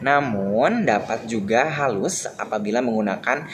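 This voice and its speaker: A young man teaches a class of small children. His pitch sits in the middle, and he stretches his words in a cheerful, drawn-out way. Steady background noise runs under his voice. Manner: slow, drawn-out and cheerful, acts out example sentences. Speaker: primary school teacher. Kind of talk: recorded online lesson for young children. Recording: noisy home recording.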